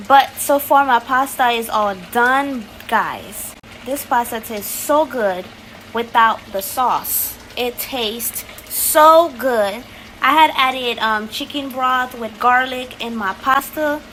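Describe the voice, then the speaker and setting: A woman's voice: a little high, fairly bright tone. A woman chatting casually and informally to her viewers as a home cooking vlogger, unscripted, in a kitchen. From Haiti or Haitian family. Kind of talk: casual vlog chat to viewers while cooking. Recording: clearly noisy home recording.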